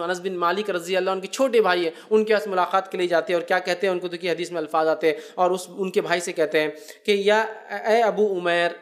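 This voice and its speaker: High-voiced man preaching a lively sermon. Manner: animated storytelling, acts out scolding voices. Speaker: Islamic preacher. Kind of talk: religious sermon.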